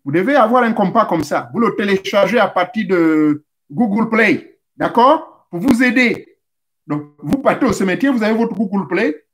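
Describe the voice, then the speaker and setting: A man's voice: high voice, expressive, normal speed, faint music behind. A man from Central Africa explaining a spiritual rite step by step, speaking directly to his listeners and repeating key points. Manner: didactic, addresses listeners directly, repeats steps. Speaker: spiritual teacher. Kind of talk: instructional talk.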